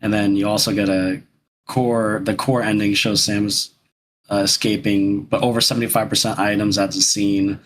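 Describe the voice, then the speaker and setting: A man co-hosting a podcast in casual chat, rambling and halting, with many restarts. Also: on the low side, little pitch movement, a bit bright, poor audio. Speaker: podcast co-host.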